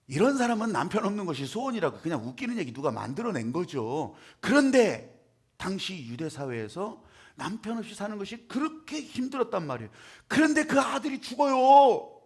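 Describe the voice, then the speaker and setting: A husky, high-pitched man preaching a Sunday sermon. His delivery is dramatic and lively, leaping between loud outbursts and near-whispers as he acts out the people in his story. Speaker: pastor.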